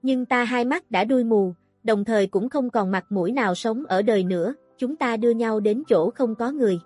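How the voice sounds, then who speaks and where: A woman's voice: on the high side, normal speed, darkish tone, no echo, soft background music, natural voice. A woman voicing a blind, broken old male prisoner who speaks with sorrow and regret. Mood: grieving. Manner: sorrowful, sighing.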